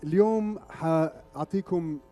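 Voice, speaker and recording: With a warm, fairly high voice and a fast delivery, this middle-aged man presents on stage in a relaxed, interactive way, alternating Arabic and English. He is a Lebanese media executive who grew up in Saudi Arabia, speaks Arabic, and appears as a conference speaker. Soft music plays behind him.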